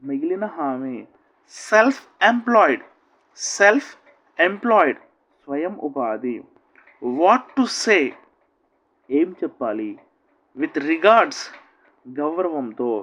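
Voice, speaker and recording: A man teaching spoken English, saying each phrase slowly and with stress, then giving its meaning in a lower, quicker voice. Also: fairly bright tone. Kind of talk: slow, deliberate English-Telugu phrase drills.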